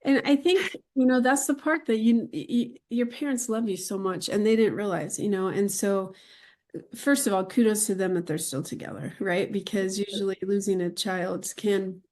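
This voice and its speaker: A middle-aged woman hosting a podcast, talking in a chatty, rambling, conversational way. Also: mid-range voice. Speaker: podcast host. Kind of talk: casual conversation.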